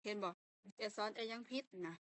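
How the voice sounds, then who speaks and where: A woman's voice: brisk, fairly bright tone, dry recording. A young woman tutoring a language class online, explaining step by step, repeating key terms and correcting herself aloud.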